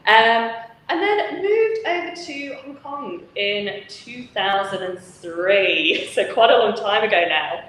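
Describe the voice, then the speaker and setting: A charity founder from Manchester, England, talks as an interview guest over a video call, frank and chatty and laughing often. Her medium-pitched voice is animated, slow and a bit bright, with hardly any pauses. The recording, from a charity office with volunteer lockers, is echoey with faint noise.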